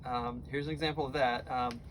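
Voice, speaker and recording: A man's voice: mid-range voice, fairly even intonation, fairly bright tone, a little hiss or hum, low-quality recording. Faltering, tender American man giving a eulogy. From Florida, United States. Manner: faltering, halting delivery with pauses and repeated words. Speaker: son giving a eulogy for his father.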